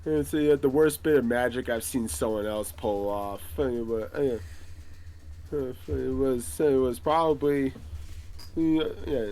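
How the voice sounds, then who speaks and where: A man's voice: mid-range voice, measured pace, dark tone, lightly acted. A man playing a rambling veteran magic hero. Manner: rambling, hesitant, full of filler words. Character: boastful veteran male magic hero, middle-aged. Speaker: interview guest. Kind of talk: improvised role-play podcast interview.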